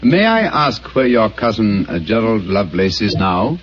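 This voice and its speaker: An actor playing Sherlock Holmes, a brilliant male detective, who explains his deductions in a precise, deliberate way, on an old radio recording. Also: lowish voice, big pitch swings. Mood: deducing. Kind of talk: vintage radio acting. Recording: dull old radio recording, faint hiss.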